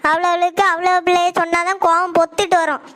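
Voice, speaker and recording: A performer doing a shrill, quarrelsome cartoon mother with a Kanyakumari Tamil accent. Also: flat delivery, quick pace, bright, forceful tone. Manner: scolding, quarrelsome. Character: sharp-tongued village mother.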